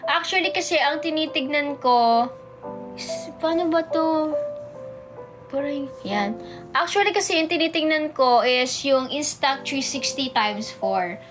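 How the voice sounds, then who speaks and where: A young woman with a high, girlish voice and a Filipino accent chats to her fans on a phone livestream. She is bubbly and eager, stumbling slightly over words because of a sore mouth. Music plays clearly behind her. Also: measured pace. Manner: bubbly, greets viewers by name with excited squeals. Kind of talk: casual livestream chat, reading comments. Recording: music playing in the background.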